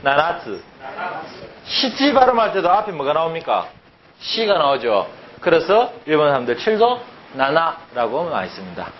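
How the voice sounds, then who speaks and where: A man teaching a language class, lively and drilling words by repeating them with rhetorical questions. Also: on the high side, moderate pace. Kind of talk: classroom lecture. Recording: dull lo-fi sound, faint background noise.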